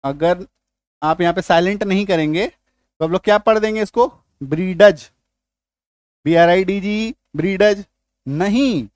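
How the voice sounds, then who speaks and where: A man's voice: high-pitched, moderate pace, dry recording, studio quality. A man teaching an English pronunciation lesson, spelling words out letter by letter and asking rhetorical questions.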